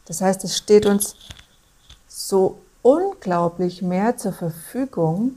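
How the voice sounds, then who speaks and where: A woman talking as a guest in a reflective conversation, speaking thoughtfully and often pausing to find her words. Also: medium pitch, animated, dark tone.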